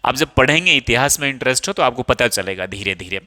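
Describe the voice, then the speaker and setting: A man's voice: mid-range voice, lively intonation, fast talker, pushed and bright, in a large hall. A man with an Indian accent teaching an English textbook chapter, asking questions and answering them himself and calling his students "babu". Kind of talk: explaining a textbook chapter in Hindi with English phrases.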